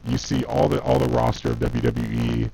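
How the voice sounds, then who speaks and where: A man's voice: a bass voice, wildly swooping pitch, fairly quick, creaky, dark tone, a little hiss or hum. A man in casual chat, his voice coming through with a robotic, transformer-like distortion, rambling with many fillers. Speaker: podcast co-host.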